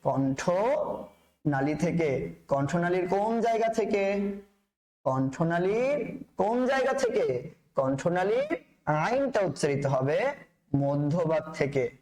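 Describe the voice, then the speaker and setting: A man's voice: fairly high pitch, a little mellow, low-quality recording. A man teaching the pronunciation of Arabic letters, drilling each letter by repeating it and addressing the learner as sir, with playful asides. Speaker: Quran reading teacher.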